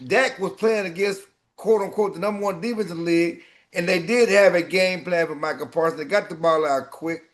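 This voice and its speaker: A man's voice: high voice, fairly quick. A man hosting a casual sports debate, talking in an argumentative way with emphatic repetition. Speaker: sports show host.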